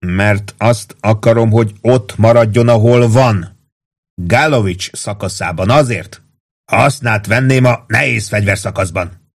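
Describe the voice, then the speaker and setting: A man voicing a laid-back, teasing male first sergeant with an easy, calm way of talking. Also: fairly low pitch. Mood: firm.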